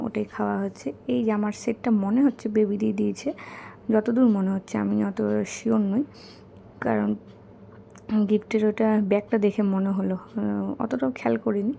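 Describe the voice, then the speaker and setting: A young woman talking softly and hoarsely in a casual chat while showing gifts, keeping her voice low because her son is asleep. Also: normal speed, a little hiss or hum. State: hoarse, her throat is bad.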